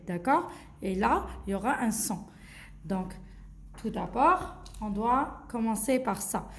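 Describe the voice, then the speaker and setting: Woman, children's phonics teacher, slow and patient, fairly high voice. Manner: slow, patient, repeats sounds with many checks of "d'accord?".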